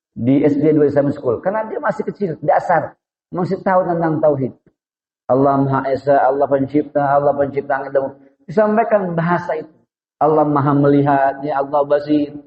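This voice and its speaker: Brief: male religious teacher with a fairly high voice, lively and asking his listeners questions, gentle when he speaks as if to a child. Dull, muffled recording. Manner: lively, asks the audience questions. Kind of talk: Quran study talk to parents. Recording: muffled, with a long reverb.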